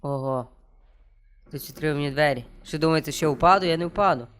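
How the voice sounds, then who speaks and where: A man's voice: on the high side, a little fast, fairly bright tone, a little hiss or hum. A young man, joking and talking to the game as he plays. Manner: joking, talks to the game and viewers. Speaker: let's play streamer. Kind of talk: playful gameplay commentary.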